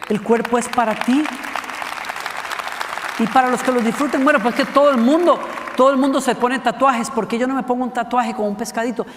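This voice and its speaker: A man with a notably high voice preaches in a church sanctuary. He tells the story conversationally, tossing questions to the congregation and slipping in jokes. The sound carries a long hall reverb. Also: steady tone, brisk, a crowd in the background, background noise. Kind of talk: sermon.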